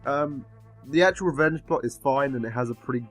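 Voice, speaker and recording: A man's voice: medium pitch, a little fast. Tipsy, rambling man over music. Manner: frequent swearing. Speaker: film reviewer. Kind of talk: casual rambling film review.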